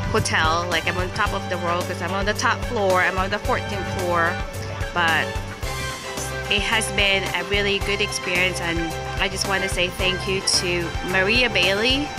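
A woman blogger talking casually to her phone camera from a high hotel balcony, chatty and grateful, with fillers. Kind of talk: casual travel vlog. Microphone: phone held filming the view.

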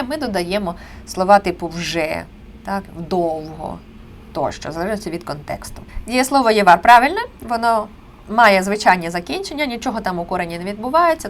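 A woman in her thirties teaching Spanish grammar in an online lesson. She explains step by step and stresses key words with a lively voice. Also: mid-range voice, a little hiss or hum. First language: Ukrainian.

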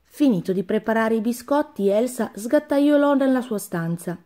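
A woman reading a children's storybook aloud with a clear, expressive delivery. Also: fairly high pitch, normal speed.

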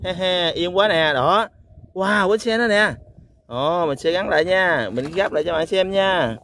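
A man's voice: high-pitched, a little slow, fairly bright tone, slight background noise. A man hosts an outdoor toy-hunting vlog, exclaiming "wow" and chuckling as he talks to viewers. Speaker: toy vlogger. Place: outdoors on a sandy lot.

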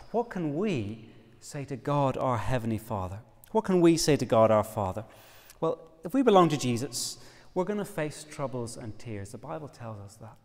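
A man with an Irish accent preaching an expressive, emphatic sermon, quoting scripture. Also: medium pitch, long reverb tail. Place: church.

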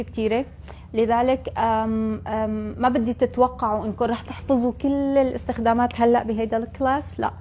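A woman's voice: on the high side, vocal fry, a little mellow. Woman teaching English in Levantine Arabic. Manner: chatty, repeats English phrases slowly for drilling. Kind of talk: live online English class.

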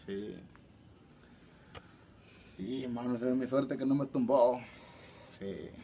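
Local man, coastal Oaxaca accent, halting retelling, faint outdoor noise. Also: medium pitch, warm tone. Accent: coastal Oaxaca Spanish. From Mexico. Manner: halting, repetitive storytelling with many restarts. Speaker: fisherman recounting an attack. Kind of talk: interview testimony.

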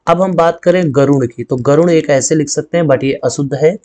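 A man's voice: on the high side, normal speed, a little mellow. A man teaching a Hindi spelling lesson. He explains step by step and says each word twice. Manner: explains step by step, often adding "ठीक है" and repeating words.

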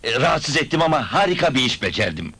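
A man's voice: mid-range voice, big pitch swings, fast, pushed and bright, a little hiss or hum. An actor playing a sly middleman who speaks broken Turkish with odd grammar and chuckles, in a film comedy. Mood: scheming. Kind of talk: 1980s film comedy acting.

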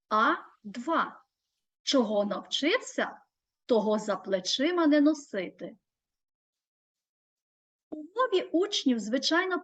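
Woman teacher, high voice, measured scripted delivery, dull lo-fi recording. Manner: measured, deliberate delivery with listed terms spoken slowly. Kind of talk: scripted presentation.

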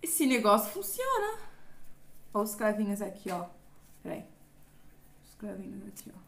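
A woman's voice: mid-range voice, big pitch swings, normal speed, gravelly, fairly bright tone. A young Brazilian woman with a Brazilian Portuguese accent, vlogging casually to her viewers and dramatically exclaiming and groaning. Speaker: beauty vlogger. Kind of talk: casual vlog talk to viewers.

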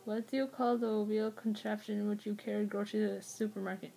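A woman's voice: mid-range voice, little pitch movement, quick pace, gravelly, dark tone, rough recording. A young woman in casual chat, with a blunt, teasing manner. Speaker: challenge video co-host. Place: small bedroom, indoors.

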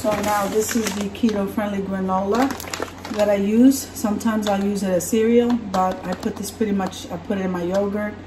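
This grocery haul chat comes from a woman vlogger in her home kitchen, talking at a normal speed in a mid-range voice. She's chatty and relaxed, correcting herself now and then. The echoey room is picked up by a camera far across the counter, with noise in the background.

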